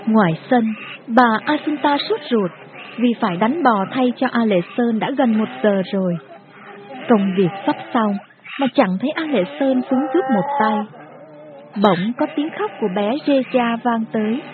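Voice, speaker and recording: A woman narrating a dramatic story in a steady, grave manner. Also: a little high, moderate pace, background noise. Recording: tinny phone-like audio with music behind.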